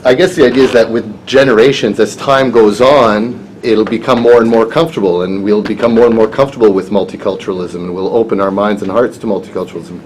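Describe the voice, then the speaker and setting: A man's voice: fairly low pitch, steady tone, fast talker, hardly any pauses, slight background noise, low-quality recording. Man moderating a student panel. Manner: encouraging, affirming, calling on speakers by name.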